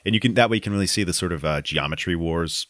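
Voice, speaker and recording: On a podcast he co-hosts, this man with a deep, fairly bright voice talks quickly, and the studio sound is clean with no room echo. His casual gaming chat is enthusiastic storytelling peppered with "like."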